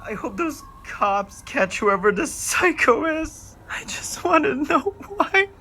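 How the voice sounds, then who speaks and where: An actress playing a grieving, bewildered, plaintive bystander in a video game. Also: female voice, mid-range voice, lively intonation, slow pace, sharp tone, slight background noise. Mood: grief-stricken. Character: grieving, bewildered bystander mourning a best friend.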